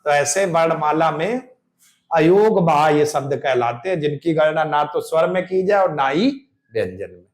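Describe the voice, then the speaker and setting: Slow-talking male Hindi teacher. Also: fairly high pitch, lively intonation. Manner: slow, repeats examples aloud, asks and answers his own questions. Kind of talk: exam-prep grammar lesson.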